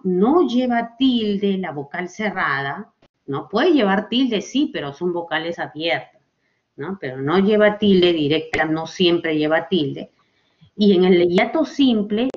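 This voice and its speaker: Woman teacher, slow, drawn-out example words, frequent check-ins, muffled lo-fi sound. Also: fairly low pitch. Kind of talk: language lesson for children. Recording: dull lo-fi recording.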